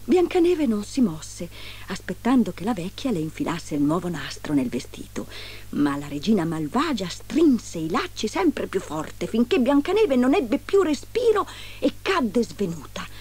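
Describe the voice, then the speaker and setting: Expressive woman reading a fairy tale. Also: medium pitch, a little slow, a little hiss or hum. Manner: expressive, dramatic storybook narration. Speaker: storyteller.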